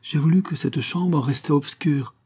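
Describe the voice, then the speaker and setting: A man's voice: fairly high pitch, moderate pace, a little mellow, slightly rough, pitched above the performer's own voice. A man reading a storybook and voicing a grief-stricken woman of about fifty, pleading in an anguished, strained voice. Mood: imploring.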